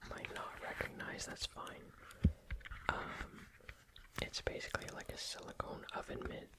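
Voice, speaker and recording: Soft whisper, ASMR creator, casual rambling, unhurried, self-deprecating, crinkling and tapping sounds. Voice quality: whispered, unvoiced. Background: crinkling bubble wrap and tapping.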